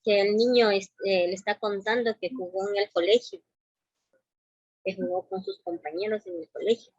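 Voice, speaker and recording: A woman's voice: mid-range voice, steady tone, moderate pace, breathy edge, no echo. A woman taking part in an online workshop, giving brief, hesitant answers. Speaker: workshop participant. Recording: dry muffled online call audio.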